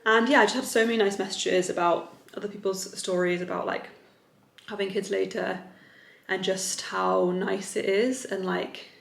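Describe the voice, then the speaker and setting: A woman's voice: medium pitch, fairly even intonation, moderate pace, creaky, echoey room. A woman in her thirties chatting casually to camera in a rambling vlog style, with lots of "like". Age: 30s. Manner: chatty, rambling, heavy use of "like". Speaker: vlogger. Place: bedroom at home. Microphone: camera on a stand.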